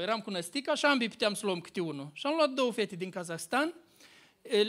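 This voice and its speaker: A man's voice: very high-pitched, a bit bright. A pastor preaching an informal sermon, telling chatty personal stories and addressing the congregation as his dear ones. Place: church hall with congregation.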